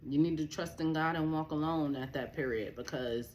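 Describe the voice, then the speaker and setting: A woman's voice: deep voice, normal speed, very noisy. Blunt, profane young woman venting. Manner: blunt, profane, emphatic storytelling. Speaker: vlogger, spiritual advisor. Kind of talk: candid personal rant to camera.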